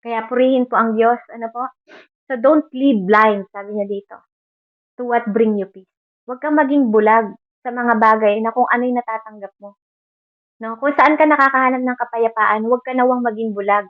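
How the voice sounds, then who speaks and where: A woman's voice: on the high side, normal speed. A woman with a Filipino accent preaching a sermon earnestly, quoting Bible verses in English. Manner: earnest, mixing Tagalog with English Bible quotes. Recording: dull lo-fi recording.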